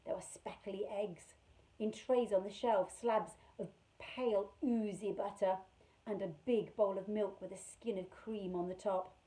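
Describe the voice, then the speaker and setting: Mellow-voiced woman reading to children. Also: medium pitch, poor audio. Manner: measured, expressive, slows on key words. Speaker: storyteller for children. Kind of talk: reading a children's novel aloud.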